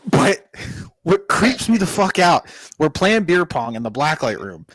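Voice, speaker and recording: A man's voice: a little high, big pitch swings, a little slow, fairly bright tone, no echo. A young man co-hosting a podcast, telling a rowdy, profane story in casual chat and laughing often. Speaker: podcast co-host.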